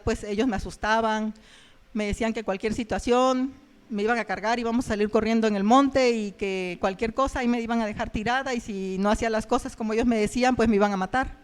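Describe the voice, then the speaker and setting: A woman giving a personal testimony in church, telling her story earnestly and haltingly with many fillers. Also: fairly high pitch, clear, resonant tone. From Mexico.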